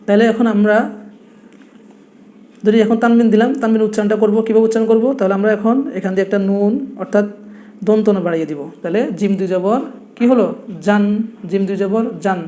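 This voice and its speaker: A man's voice: high voice, fairly even intonation, fast, long pauses, mellow. A young man with a Noakhali Bengali accent, teaching a blackboard lesson and patiently repeating each point with rhetorical questions. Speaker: Quran teacher.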